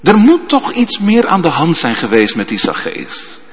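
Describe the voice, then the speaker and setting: A man preaching a sermon as pastor, slow and emphatic, often ending points with a tag question. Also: fairly high pitch, huge pitch swings, slightly rough. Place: church. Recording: dull sound with long church reverb.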